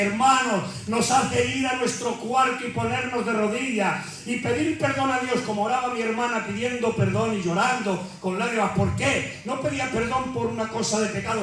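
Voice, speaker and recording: A man from Spain with a Peninsular Spanish accent preaching a sermon, fervent and repetitive, often climbing to near-shouting and calling out to the congregation. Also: sits high. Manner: fervent, rises to near-shouting, repeats "hermanos". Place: church hall. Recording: very echoey hall, mic far off, faint music.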